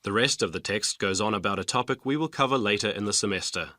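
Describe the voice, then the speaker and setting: A man's voice: lowish voice, fast talker, sharp tone, no room sound, clean studio sound. A man playing a patient university professor who explains things in a stilted, scripted textbook dialogue. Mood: patient, helpful.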